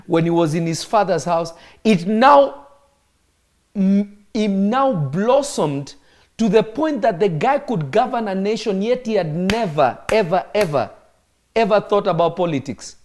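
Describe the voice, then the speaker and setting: A man's voice: sits high, animated, unhurried, darkish tone. A man, preaching to people watching online and driving points home by repeating phrases. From Kenya. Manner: emphatic, repeats phrases for effect. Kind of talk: live-streamed sermon teaching.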